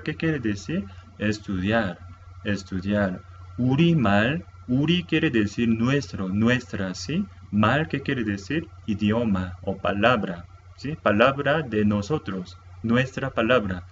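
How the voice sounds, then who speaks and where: A man whose first language is Korean, teaching a language lesson in Spanish with a halting style, repeating words and often checking "¿sí?". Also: medium pitch, expressive, muffled recording, slight background noise.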